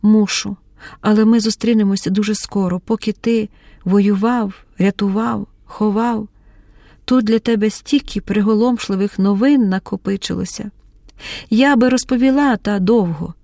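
A woman reading an audiobook, voicing a tense young woman who breaks into hysterical shouting. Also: mid-range voice, moderate pace, no echo, clean studio sound, natural voice. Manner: shouting, pleading outbursts.

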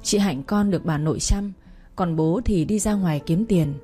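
A woman voicing a dying middle-aged father who talks slowly, weary and apologetic. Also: fairly low pitch, warm tone, faint music behind, lightly acted. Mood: confessing.

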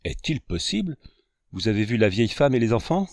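Spry old hunter chief, read by a man, brisk, fatherly, storybook, dry sound. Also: medium pitch, big pitch swings, darkish tone, no echo. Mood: curious. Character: spry, commanding old male hunting leader.

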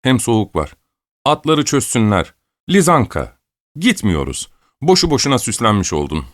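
A man's voice: medium pitch, wildly swooping pitch, moderate pace, no echo, studio quality, voice pushed up. A man reading an audiobook, voicing an old, imperious countess who scolds and gives orders. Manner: scolding, commanding, querulous.

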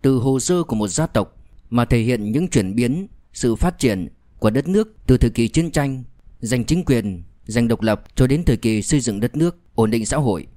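A man narrates a crime novel in a measured, storytelling voice of ordinary pitch. He reads steadily and clearly. The recording is dry and close, with no room sound. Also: animated, mellow, no room sound. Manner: measured, with fillers in asides. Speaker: audiobook narrator.

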